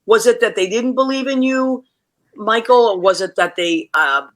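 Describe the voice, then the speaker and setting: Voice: medium pitch, normal speed, a bit bright. A host in their forties, chatty and enthusiastic, asking questions in a casual interview. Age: 40s.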